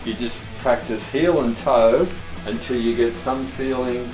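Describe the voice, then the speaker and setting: A man's voice: mid-range voice, fairly even intonation, a little slow. An older man in his sixties giving casual hands-on instruction as a surf coach, explaining things and often checking in with "right?". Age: older, about 60s. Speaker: surfboard seller and surf coach. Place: open surfboard workshop with roller door. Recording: echoey workshop, distant mic, background music.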